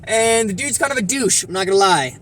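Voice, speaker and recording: A man's voice: sits high, expressive, brisk, fairly bright tone, slight background noise, poor audio. A young man talking bluntly and with a lot of energy in a casual vlog, swearing freely. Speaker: vlogger.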